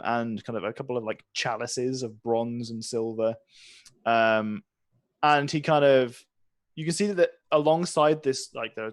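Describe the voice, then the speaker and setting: A man's voice: medium pitch, no echo, studio quality. A man runs a tabletop role-playing game as its game master. He improvises scene descriptions in a conversational manner, with very little room sound around his voice.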